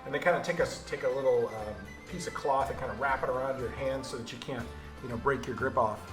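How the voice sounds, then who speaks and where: A man running a tabletop game as dungeon master, narrating scenes with lively asides. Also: mid-range voice, fast talker, over music.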